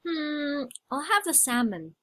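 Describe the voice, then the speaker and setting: A young adult woman with a high voice acts out short scripted everyday dialogues for a listening test. Her delivery is slow, clear, and expressive.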